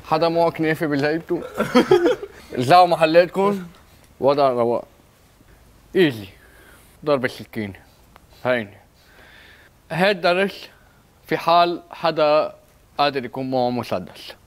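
A man's voice: fairly high pitch, normal speed, pauses often, close to an everyday voice. A man playing a cocky Lebanese self-defense coach. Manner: mixes English words into speech, overconfident. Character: boastful bumbling male self-defense coach. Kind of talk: comedy sketch.

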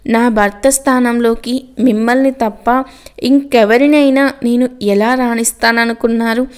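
Storybook: woman reading as grieving young woman, direct and reproachful, clear tone. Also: on the high side, fairly even intonation, measured pace, lightly acted. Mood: sorrowful.

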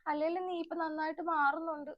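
A woman's voice: high voice, level tone, fast talker, muffled recording, close to an everyday voice. A woman voicing a self-pitying, nagging older mother-in-law who complains and accuses, in a comedic family skit. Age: 60s. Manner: whiny, accusing, theatrical complaining.

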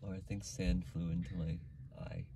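A young man in casual conversation, speaking in a low-key, informal way. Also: level tone, moderate pace. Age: young adult. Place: inside a car and on an open windy beach. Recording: muffled, noisy car rumble and wind.

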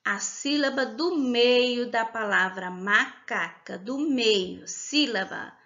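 A woman's voice: on the high side, slow pace, a bit bright, highs cut off. A woman with a Brazilian accent teaching a remote kindergarten class, sounding out words syllable by syllable and clapping along, patient and encouraging. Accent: Brazilian Portuguese. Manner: patient, encouraging, asks questions. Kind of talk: remote class for young children.

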